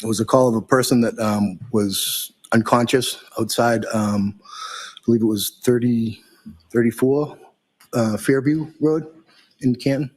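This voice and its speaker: A middle-aged man, a police officer on the witness stand, giving short, plain answers with hesitant pauses, heard through a courtroom recording. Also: mid-range voice, steady tone. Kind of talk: witness testimony.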